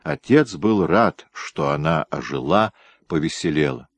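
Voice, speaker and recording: A man reading a historical novel aloud in measured narration. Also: a bass voice, lively intonation, breathy edge, no room sound. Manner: measured, storytelling. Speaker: audiobook reader. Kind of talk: scripted narration.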